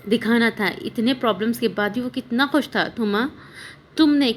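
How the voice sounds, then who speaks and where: A woman's voice: fairly high pitch, normal speed, slight background noise, natural voice. A woman voicing an anxious pleading mother. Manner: pleading, scolding.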